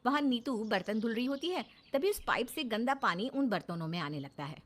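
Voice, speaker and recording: A woman narrating a scripted cartoon story in a steady storyteller manner. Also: fairly high pitch, fairly quick.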